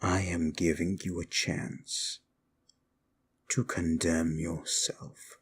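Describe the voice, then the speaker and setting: In an intimate ASMR roleplay, a man voices a sly demon, speaking low and gravelly with a faint hiss or hum. Taking his time on every phrase, the wicked manipulator teases the listener with condescending ease in a full character voice.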